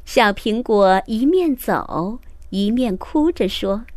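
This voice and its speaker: A woman reading a children's story aloud, in a slow, clear, expressive way. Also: medium pitch, dry recording.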